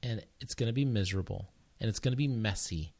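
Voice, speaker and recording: A middle-aged man co-hosting a podcast in a casual, conversational way, with an animated, joking, playful manner. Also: lowish voice, quick pace, slightly rough, no echo, clean studio sound. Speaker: podcast co-host.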